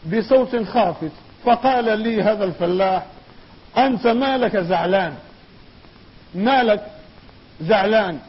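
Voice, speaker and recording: A man delivers a mosque sermon in a high, husky voice. He drives his points home with repeated phrases and slows into a chant when he recites verse. The recording sounds dull and muffled. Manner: emphatic oratory with repeated phrases; slow chanted poetry recitation. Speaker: preacher. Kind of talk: Friday sermon.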